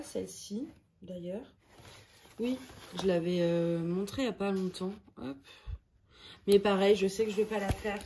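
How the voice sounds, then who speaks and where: Casual woman vlogger, chatty and self-mocking, mid-pitched, home recording with clear background noise. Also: dark tone. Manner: chatty, self-deprecating, thinking aloud. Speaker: crafting vlogger. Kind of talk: casual chat.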